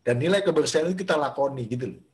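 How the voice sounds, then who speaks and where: A man's voice: mid-range voice, rapid-fire, a little mellow. A man, a pastor leading a Bible study over a video call, talking conversationally with many fillers and restarts. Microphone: video call microphone.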